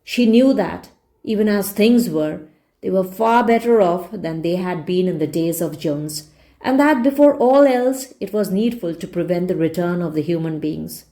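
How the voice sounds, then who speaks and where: A woman with a lowish, expressive, warm voice reads a story at a moderate pace. Acting as a read-along English teacher, she explains word meanings as she goes in audiobook-style narration.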